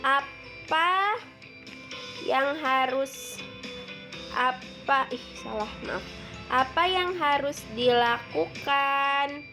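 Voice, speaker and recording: A woman's voice: fairly high pitch, a bit bright. A woman teacher giving a patient lesson to second graders, explaining step by step with frequent fillers.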